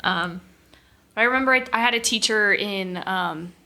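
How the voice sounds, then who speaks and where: A woman's voice: mid-range voice, moderate pace, pushed and bright. A young adult woman talking as a podcast guest in casual chat, chatty and full of filler words.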